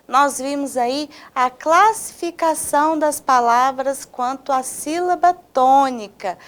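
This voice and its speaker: Brazilian lady teacher doing a video lesson, high voice, stretches words out slow, keeps asking if you got it. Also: fairly bright tone. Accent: Brazilian Portuguese. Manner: slow, syllable-by-syllable explanations with check-in questions.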